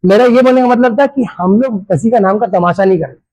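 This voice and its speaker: High-voiced fervent male pastor preaching. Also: brisk, darkish tone, dry recording, low-quality recording. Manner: fervent, talks directly to the congregation. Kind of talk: sermon. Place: church.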